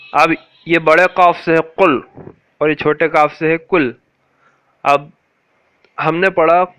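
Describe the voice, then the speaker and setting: Bright, crisp-voiced male teacher. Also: on the high side, no echo. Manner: patient, repeats words slowly and quizzes a listener. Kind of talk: Quran pronunciation lesson.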